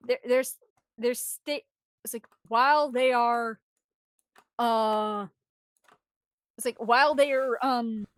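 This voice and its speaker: A woman streamer casually retelling a story, animated and rambling, often restarting her sentences. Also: fairly high pitch, drawn-out words, pauses often, no echo, clean studio sound.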